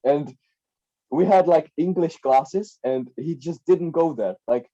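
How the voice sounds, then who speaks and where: A man's voice: on the high side, slow, mellow. Young man with a dull lo-fi sound. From Czech Republic. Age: young adult. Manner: rambling, repeats words, frequent "like" and "right?". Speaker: guest, life coach. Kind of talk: casual podcast conversation.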